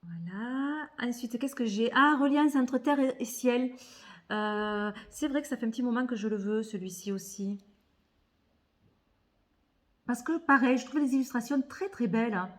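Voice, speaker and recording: In a fairly high voice at normal speed, a woman talks casually about tarot decks for a haul video. She is a tarot and oracle card vlogger, thinking aloud and often saying words twice as she hesitates.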